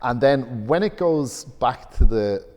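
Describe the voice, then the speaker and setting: A man's voice: mid-range voice, lively intonation, slow pace, darkish tone, long reverb tail. A man co-hosting a casual podcast, explaining science with hesitant restarts and laughing at his own jokes.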